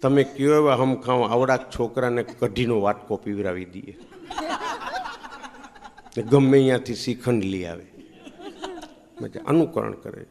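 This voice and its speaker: A male comedian, telling a teasing comic story on a live stage, and his pitch and loudness swing widely. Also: unhurried, vocal fry, long pauses.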